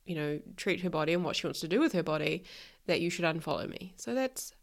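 This podcast host and life coach talks quickly in a deep voice with vocal fry and lively intonation. She has a New Zealand accent, and her frank, outspoken solo monologue comes out a bit nasal because she's been ill.

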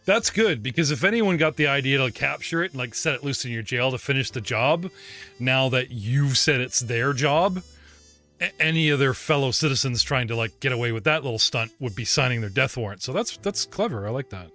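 A man acting as game master, narrating and reacting in an animated, casual way. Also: mid-range voice, a little fast, soft background music.

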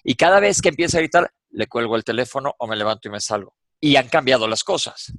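A man co-hosts a talk panel, speaking very fast in an emphatic, animated way. The sound is dry and close, with his voice at a middle pitch. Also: no room sound. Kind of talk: lively talk show chat.

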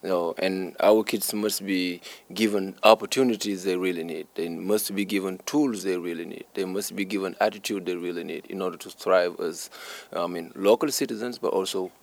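A man with a Senegalese accent speaks in a deep register with a creaky, gravelly edge. He answers interview questions earnestly, repeating phrases for emphasis like a committed teacher. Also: steady tone, moderate pace, few pauses. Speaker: English teacher being interviewed.

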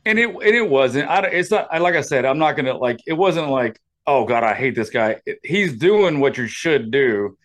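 With few pauses, a podcast co-host with a loud, powerful, mid-range voice tells animated workplace stories at a normal speed. His style is casual and comedic, rambling, jokey and profane.

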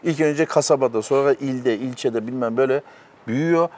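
A man's voice: medium pitch, fairly quick, darkish tone. A middle-aged man hosting a casual chat, telling stories animatedly and laughing often. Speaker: host.

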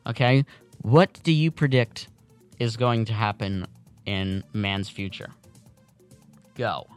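A radio show host with a fairly low, steady voice conducts a casual morning interview in a studio at a slow pace, with soft music in the background. He questions his guest and challenges the answers, his voice rising when he's worried.

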